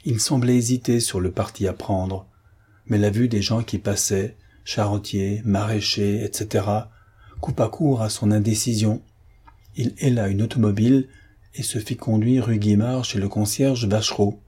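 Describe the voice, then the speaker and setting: A man narrates a classic novel in a steady, measured rhythm. His low voice is dark and mellow, with a husky, breathy edge. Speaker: audiobook narrator. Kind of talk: scripted narration.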